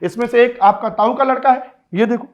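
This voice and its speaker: Lively high-voiced man teaching pronunciation. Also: a little fast. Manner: lively, joking, addresses students directly. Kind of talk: classroom-style lesson.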